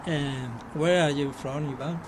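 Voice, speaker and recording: A man with a Spanish accent works slowly through a practice conversation in English. His phrasing is hesitant and broken, like a beginner's. Background noise is clearly audible around him. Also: a little high. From Basque Country, northern Spain. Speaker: English course student. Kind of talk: practice dialogue in a language class.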